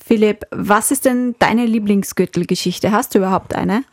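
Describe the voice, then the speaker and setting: A woman's voice: mid-range voice, moderate pace, dry recording, clean studio sound. A woman hosting a radio city magazine, chatting lightly with her co-host.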